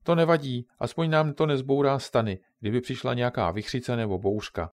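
A man's voice: mid-range voice, dry recording, natural voice. A man voicing a plump, eager boy camper who likes to explain and take charge, read aloud from a storybook.

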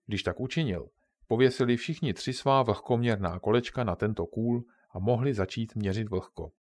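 A man narrating a children's story in a calm, steady storytelling manner. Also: lowish voice.

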